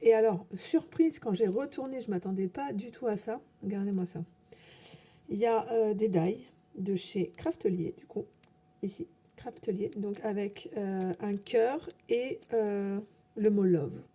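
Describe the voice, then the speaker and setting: A woman's voice: mid-range voice, measured pace, dark tone, breathy edge. A woman chatting casually while unboxing a crafting gift, hesitant, with many fillers and small laughs. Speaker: scrapbooking vlogger.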